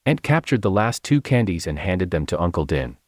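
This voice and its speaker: Man, audiobook memoir narration, deep, very lively intonation, dry close sound. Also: fairly quick, no echo. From China. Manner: expressive storytelling.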